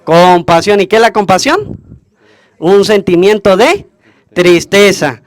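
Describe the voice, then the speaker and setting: A man's voice: sits high, expressive, slow pace, dry recording, clean studio sound. A man, a priest, preaching a homily at Mass, asking the congregation questions and answering them himself. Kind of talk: call-and-response homily at Mass.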